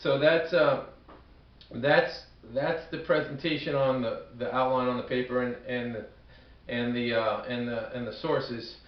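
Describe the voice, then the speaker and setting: A man with a Brooklyn accent gives an informal amateur student presentation, halting and self-deprecating, often repeating his words. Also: mid-range voice, steady tone. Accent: Brooklyn, New York. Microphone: camcorder at a distance. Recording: echoey room, distant muffled camcorder microphone.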